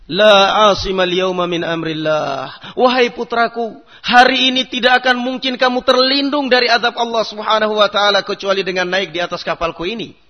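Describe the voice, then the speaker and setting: A man preaching a sermon in a mosque, animated, acting out the voices of parents and children in his stories. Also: extremely high pitch, highs cut off. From Indonesia.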